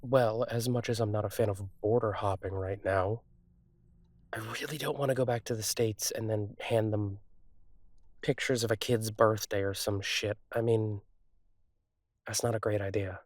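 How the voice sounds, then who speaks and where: A streetwise male thief on the run, acted by a man in an intimate audio role-play. His voice sits fairly low, in a dry, close recording. He speaks casually and wryly to his partner, pausing to think as he goes. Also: steady tone, no echo, natural voice. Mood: concerned, deliberate. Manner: wry, casual, halting with thoughtful pauses. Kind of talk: conversational audio role-play acting, addressed to the listener.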